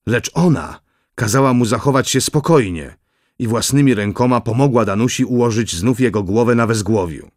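A male narrator reading a historical novel in a steady, measured voice. His voice sits at a middle pitch, and the recording is close and dry. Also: no echo. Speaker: audiobook narrator.

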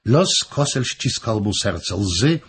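A male audiobook narrator giving an expressive, measured scripted reading of a historical novel. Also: on the low side, slight background noise.

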